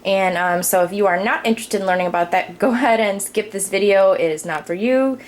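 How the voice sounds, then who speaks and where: In a rough recording, a young parent with a mid-range voice talks briskly through cloth diapering care at her kitchen sink. It's unscripted and chatty, full of fillers as she explains each step while working.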